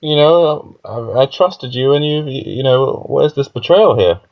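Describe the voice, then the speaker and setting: A man's voice: medium pitch, expressive, a little slow, voice pushed up. A young man voicing an indignant, betrayed older king, complaining in a casual offhand tone. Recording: dull lo-fi recording.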